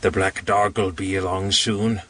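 A man's voice: low-pitched, little pitch movement, fairly bright tone, slight background noise. A man doing a gloomy drawling backwoodsman. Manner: slow, drawling, somber. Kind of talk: storybook reading.

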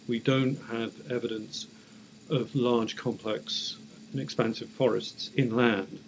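A man speaking as an academic expert in an interview, explaining off the cuff in measured, hesitant short phrases. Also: fairly low pitch, gravelly, slight background noise, low-quality recording. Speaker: academic paleontologist, interview guest.

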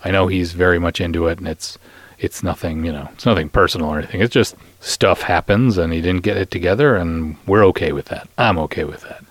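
A middle-aged man hosts a podcast and conducts a light interview, keeping things casual, playful and teasing. His voice is low and fairly quick, and the recording has no room sound.

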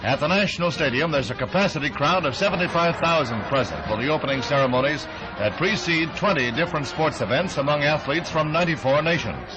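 A man's voice: on the high side, lively intonation, quick pace. A man narrating an old 1960s newsreel in a formal announcer delivery, heard as an old newsreel recording. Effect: old newsreel sound. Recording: dull old newsreel with loud music.

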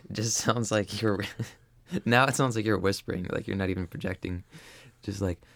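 A man's voice: fairly low pitch, moderate pace, gravelly, fairly bright tone, no echo. A man co-hosting a podcast, teasing and sarcastic in casual banter. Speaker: podcast co-host. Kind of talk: casual chat.

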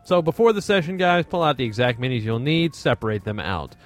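A man's voice: medium pitch, very animated, fairly quick, soft background music. A man co-hosting a casual tabletop gaming chat, giving easygoing advice and often saying "you know, man". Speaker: podcast co-host.

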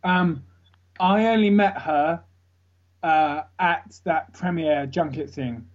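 A man's voice: on the high side, slow. A man, a guest voice actor chatting casually in an interview, jokey and rambling, laughing often. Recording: lo-fi internet call audio.

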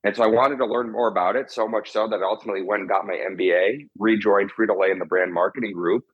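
A low-pitched, husky man speaks as an interview guest, explaining business matters. The sound is dull and lo-fi. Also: fairly even intonation, fast. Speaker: interview guest, marketing executive.

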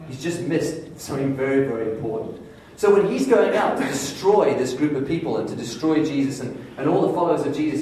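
A man preaching a sermon, telling a Bible story in a lively storytelling way and voicing the inner thoughts of its people. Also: fairly high pitch, heavy reverb, far from the mic, slight background noise, rough recording.

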